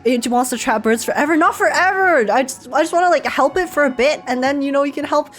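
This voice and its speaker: Talking quickly in a high-pitched voice, a female streamer offers animated, slangy live reactions to a game, voicing her thoughts as they come.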